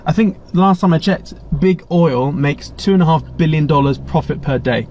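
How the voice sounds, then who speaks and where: Reading his viewers' chat during a relaxed live Q&A, an English host chats and rambles, often restarting and dropping blunt asides. His voice sits fairly high and has a darkish tone, delivered at a moderate pace. The webcam recording is slightly muffled and carries a little hiss or hum.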